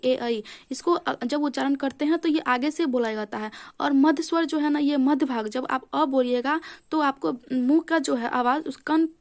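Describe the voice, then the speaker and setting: Woman teacher going over exam stuff, high voice, asks then answers herself. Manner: explains step by step, asks and answers own questions. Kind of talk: exam-prep grammar lesson.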